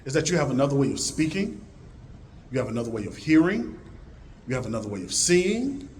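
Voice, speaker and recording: A deep-voiced motivational speaker talks a little fast before a live audience in a conference hall. He is animated, alternating between loud calls to the crowd and hushed, low delivery, and there's a bit of hiss or hum on the recording.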